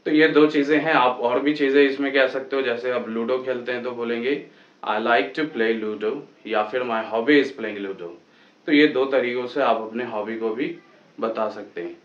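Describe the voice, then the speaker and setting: A man's voice: medium pitch, dull audio. Young man teaching English phrases, echoey room. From Patna, India. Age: 20s. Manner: slows right down to spell out English example sentences. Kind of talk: Hindi-language lesson on English phrases. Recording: echoey room with faint music.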